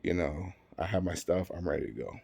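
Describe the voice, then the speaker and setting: A man's voice: sits low, animated, a little fast, vocal fry, dark tone, slightly rough. A man telling a personal story in a casual way, acting out the dialogue with conversational asides.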